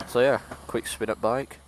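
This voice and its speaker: Riding a scooter outside, this young Englishman in his late teens vlogs in a thick Yorkshire accent, easygoing, talkative, and quick to laugh at times. His voice sits at medium pitch with a creaky quality, and engine and traffic hum faintly in the background.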